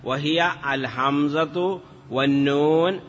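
A man's voice: a little high, takes it slowly, big-room sound, dull audio. A man teaching Arabic grammar in a patient classroom lecture, repeating examples and chanting some in a sing-song lilt.

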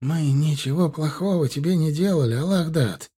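A man voicing a frightened old villager who pleads in high, strained cries. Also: normal speed, mellow, breathy edge. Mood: desperate pleading.

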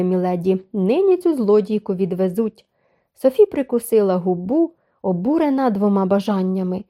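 A woman reading a novel aloud as an audiobook narrator, in a calm, even storytelling manner. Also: medium pitch. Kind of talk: scripted narration.

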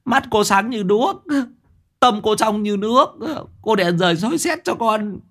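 A man voicing the whimpering ghost of a teenage boy, pleading in a high, thin voice. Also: unhurried, fairly bright tone.

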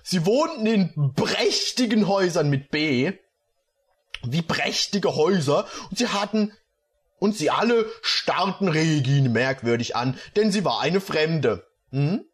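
A man's voice: a little high, animated, unhurried, slightly rough. A man reading bad fan fiction aloud and mocking it with sarcastic comments.

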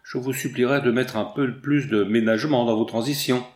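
A man voicing a polite, wary gentleman who speaks in a courteous, guarded way, read in an echoey room. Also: medium pitch, steady tone, brisk, close to an everyday voice. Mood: pleading.

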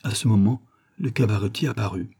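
A man reading a novel aloud in a measured storytelling manner. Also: lowish voice, mellow, breathy edge. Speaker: audiobook reader. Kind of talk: literary narration.

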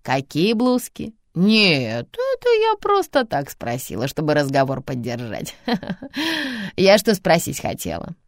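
A woman's voice: on the low side, wildly swooping pitch, takes it slowly, no echo, heavily acted. A bossy, sarcastic old grandmother, as a woman reader puts her on scolds her family in a storybook reading. The voice swings up and down with plenty of life. It sits close and dry, with no room around it. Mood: chatty.

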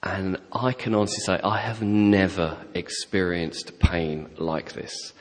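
A middle-aged man preaching a personal testimony, telling his story with animated, self-deprecating humour. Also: low voice, slow pace. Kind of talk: sermon testimony. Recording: long hall reverb.

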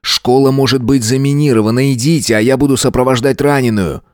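A man voicing a calm, commanding male lawyer giving firm, clipped orders in a crisis. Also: medium pitch, brisk, no echo, clean studio sound, voice pushed up, lightly acted.

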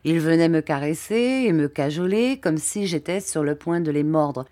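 A woman reading a classic novel aloud as an audiobook narrator, in a clear, even storytelling manner. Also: low-pitched, normal speed, dry recording. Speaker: audiobook reader.

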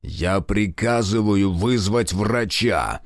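A man reading an audiobook voicing a stern, commanding police chief who speaks slowly and weightily. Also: lowish voice, expressive, dry recording, clean studio sound.

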